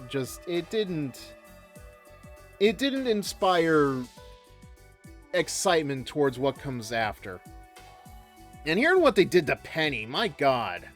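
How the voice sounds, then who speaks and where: A man's voice: fairly high pitch, a bit bright. A man chatting casually as a video game streamer, rambling and hesitant as he gives live commentary.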